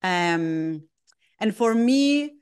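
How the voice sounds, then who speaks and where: A middle-aged woman with an Argentine Spanish accent speaks in English, her second language. Her voice is smooth and clear. She answers reflectively, pausing on ums and restarting phrases as she thinks. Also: medium pitch, animated. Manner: thoughtful, frequent restarts and ums. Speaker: guest, lettering artist.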